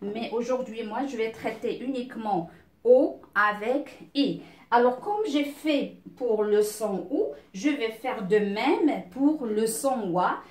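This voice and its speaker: A woman's voice: a little high, animated, takes it slowly, darkish tone. A middle-aged woman teaching a beginners' phonics lesson, spelling out letters and sounds patiently with frequent hesitations. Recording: echoey room.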